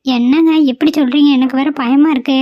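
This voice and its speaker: A woman's voice: high voice, fairly even intonation, brisk, no echo, muffled recording, natural voice. A woman doing a fretful cartoon mother. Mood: anxious. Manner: fretful, pleading. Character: anxious middle-aged mother, pleading and prayerful. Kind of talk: cartoon voice acting.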